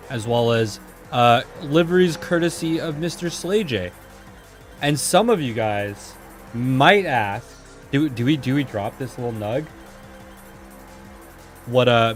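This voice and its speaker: A man hosting a sim racing drift competition livestream, chatting casually and switching into excited play-by-play commentary, with faint music behind him. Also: mid-range voice. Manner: chatty, laid-back, bursts into hype play-by-play.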